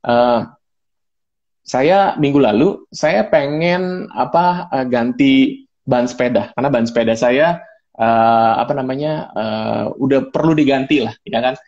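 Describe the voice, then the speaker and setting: A man telling a personal story in casual chat, animated and acting out both sides of the dialogue. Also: a little slow, lo-fi sound. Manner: animated, acts out both sides of dialogue with big pitch jumps. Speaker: guest speaker, deacon. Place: home, live social media broadcast.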